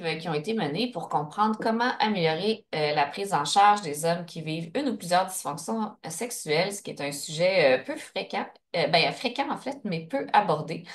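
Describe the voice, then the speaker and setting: A woman giving a semi-scripted introduction as the host of a webinar. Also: on the low side. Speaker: webinar host, project coordinator.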